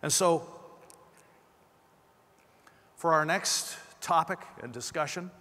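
A man's voice: on the high side, slow pace, bright, forceful tone. A middle-aged man with a slight lisp, giving a keynote presentation on a conference stage through a lapel mic. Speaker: company presenter. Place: large conference stage indoors. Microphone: clip-on lapel mic. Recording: amplified hall with long reverb.

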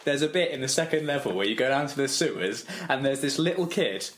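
A man's voice: mid-range voice, lively intonation, fast. A man co-hosting a video game podcast in casual chat, swearing freely and reading out news items. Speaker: podcast co-host.

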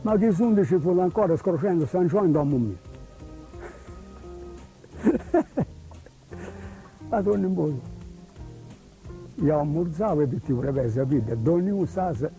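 An older man with a Sardinian accent recalls his youth in a rambling, halting way. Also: on the high side, expressive, warm tone, faint music behind, low-quality recording.

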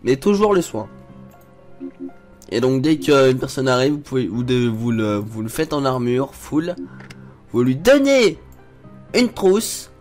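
A man's voice: medium pitch, measured pace. Young male let's-play host, chatty and loose, walks through menus as he clicks, faint game music behind. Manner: chatty, explains menus as he clicks, frequent fillers. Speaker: gaming video host. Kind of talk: casual let's play commentary.

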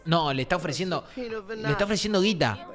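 A man with an Argentine accent commentates a game for his stream in a playful, teasing way. His voice sits fairly high and swings widely in pitch. Game music plays clearly behind him. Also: animated, a little fast, fairly bright tone. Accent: Argentine Rioplatense Spanish.

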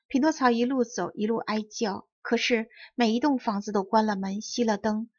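A woman narrating a children's story with clear, careful enunciation. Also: mid-range voice, no room sound, dull audio. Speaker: storybook reader.

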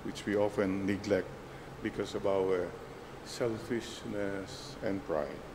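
Slow solemn priest at a pulpit microphone. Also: male voice, low voice, steady tone, background noise. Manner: slow, measured, solemn prayer cadence. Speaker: priest presiding at Mass. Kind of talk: leading liturgical prayer and exhortation.

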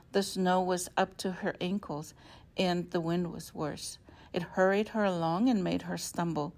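Slow, expressive woman reading to kids. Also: lowish voice. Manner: warm, expressive storytelling to children. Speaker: teacher. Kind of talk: children's picture-book read-aloud.

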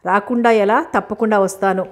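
A humble older village schoolteacher from a storybook, polite and modest in how he answers, voiced by a woman narrator with an even, flat delivery. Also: medium pitch, a little fast, lightly acted. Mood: calm.

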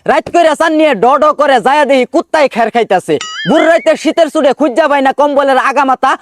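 A man's voice: very high-pitched, fast talker, a little hiss or hum. A man playing a bombastic parody news anchor, reading rhyming satire theatrically with a rural Bangladeshi accent. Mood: mock-solemn. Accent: Bangladeshi rural colloquial. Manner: mock-solemn, rhyming, theatrical announcing. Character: bombastic male parody news anchor of a village comedy channel.

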